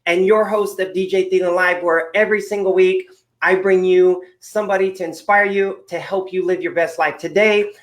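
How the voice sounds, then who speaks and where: A man's voice: high-pitched, steady tone, moderate pace. A man hosting an interview show, talking in an upbeat, rambling way with lots of fillers. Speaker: podcast host. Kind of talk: casual interview chat.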